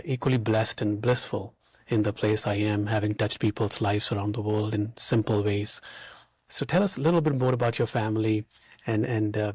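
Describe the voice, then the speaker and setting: A man's voice: lowish voice, darkish tone, dry recording. A man hosting an interview, asking questions in a hesitant way and often restarting. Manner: hesitant, many fillers and restarts. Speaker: podcast host.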